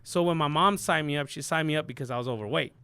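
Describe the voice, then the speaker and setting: Laid-back, bright-voiced young DJ from California. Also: male voice, a little high, fast talker, clean tone, no room sound. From Southern California. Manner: laid-back, rambling, lots of fillers and slang. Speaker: podcast guest, DJ. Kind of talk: casual storytelling chat.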